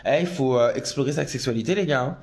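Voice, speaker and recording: A man chats on a casual phone live stream, answering viewer comments as they come in. He is excitable and talkative, and he sometimes breaks into loud exclamations. His voice sits at an ordinary middle pitch for a man. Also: quick pace. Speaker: drag performer on a live stream.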